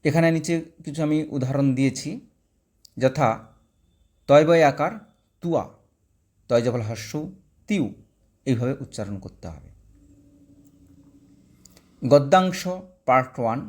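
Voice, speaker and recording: A male teacher gives a recorded language lesson. He speaks at a mid pitch and sounds words out syllable by syllable, slowing down to model each one. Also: darkish tone. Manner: slow, syllable-by-syllable pronunciation drills. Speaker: Sanskrit teacher.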